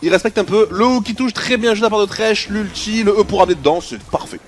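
A young man commentating a video game replay as a streamer, fast and slangy, dropping to mutters and then bursting into shouts. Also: high voice, soft background music.

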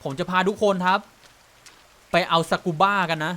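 A young man giving casual let's-play commentary on a game, chatty and laughing often, with excited outbursts during fights. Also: sits high, moderate pace. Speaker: gaming YouTuber.

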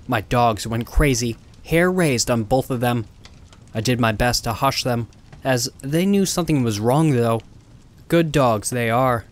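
A man reading a first-person horror story in a steady, measured way. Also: mid-range voice.

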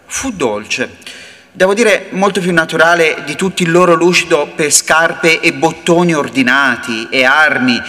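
Man doing an intense first person reading, bright voice, big echoey auditorium. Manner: impassioned, swinging from hushed low lines to raised outbursts. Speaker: reader at a remembrance event. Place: large university auditorium. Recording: reverberant hall sound.

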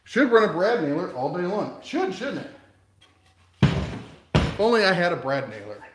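A man's voice: sits high, sing-song, normal speed, noisy background. Wisecracking man reviewing tools. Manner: wisecracking, talks while working. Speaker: tool reviewer host. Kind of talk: casual product review. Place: home workshop garage.

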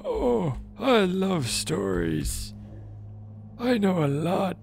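A man voicing a crude, combative old madman adventurer in a gravelly, raspy voice, muttering and rambling in a game role-play. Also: sits high, wildly swooping pitch, drawn-out words, darkish tone, faint music behind, full character voice.

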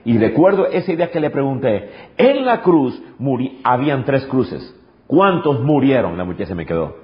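A man's voice: mid-range voice, big pitch swings, normal speed. A male pastor preaching a sermon emphatically, repeating phrases and throwing rhetorical questions at the congregation. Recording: dull lo-fi recording.

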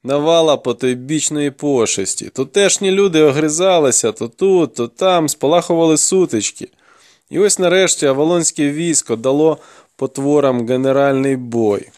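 A man's voice: fairly high pitch, normal speed, a little mellow, dry recording, studio quality, close to an everyday voice. A man voicing a grim male warrior who taunts and interrogates a captive in an audiobook. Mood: taunting, grim. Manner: taunting, commanding, gruff.

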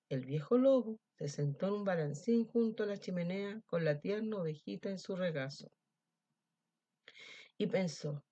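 A woman teacher reads a children's storybook aloud with gentle, expressive pacing. Her voice is mellow and somewhat husky. The recording sounds dull and lo-fi. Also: mid-range voice.

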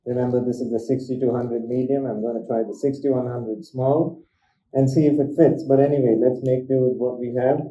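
Talking fairly quickly through his face mask, the dentist walks through his demonstration step by step for a casual review vlog. He has a warm, medium-pitched voice with fairly even intonation, captured in roomy, dull lo-fi sound.

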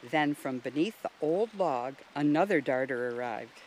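A woman volunteer reading a children's storybook aloud in a gentle, expressive way. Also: rumbling low, a little slow, slight background noise, low-quality recording. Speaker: volunteer narrator.

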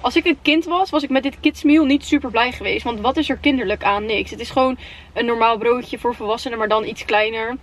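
A woman in her twenties with a Netherlands Dutch accent, chatting casually and excitably to camera with English slang mixed in. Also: a little high, brisk. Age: 20s. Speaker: vlogger. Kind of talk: casual vlog chat. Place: inside a parked car at night. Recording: faint background noise in car.

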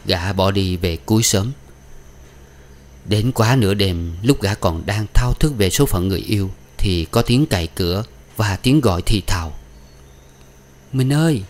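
A man narrating a novel as an audiobook reader, in a steady, even storytelling manner. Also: sits low, normal speed.

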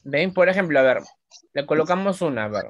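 A woman teacher with a slightly low voice talks young pupils through a lesson. She drags words out syllable by syllable, fires short questions at the class and explains each rule patiently. The sound is dry and close, with no room around it. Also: lively intonation, no room sound, dull audio. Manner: stretches words out slowly and quizzes the pupils; patient, explains rules step by step. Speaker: primary school teacher.

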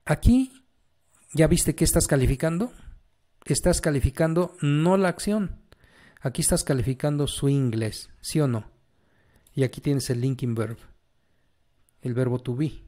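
A man's voice: medium pitch, moderate pace, long pauses, mellow. A man with a Mexican Spanish accent teaches an English grammar lesson. He keeps asking the learner questions and then answers them himself.

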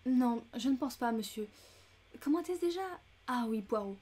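A woman's voice: fairly high pitch, lively intonation, moderate pace, warm tone, soft background music. A woman reading as a fussy, chatty older American lady. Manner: chatty and indignant. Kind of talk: audiobook character reading.

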